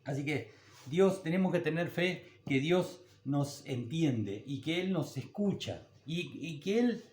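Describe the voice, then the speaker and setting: A man's voice: fairly high pitch, expressive, takes it slowly, a little mellow, roomy sound. An older man with an Argentine Spanish accent, preaching a sermon as a pastor in a conversational, folksy way with homely anecdotes.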